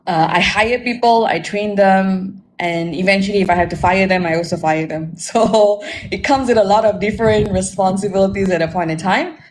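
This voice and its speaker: A forty-year-old woman with a Malaysian accent and a voice on the low side chats informally as an interview guest about herself and her career as a marketing technology consultant. She addresses listeners conversationally, frequently tagging statements with "right?", and the recording has an echoey room with faint background noise.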